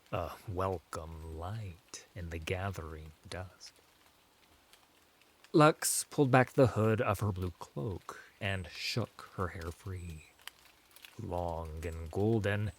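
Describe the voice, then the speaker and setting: A fantasy story is narrated by a man whose voice sits fairly low. He keeps the scripted reading very slow and measured, with dramatic pauses throughout.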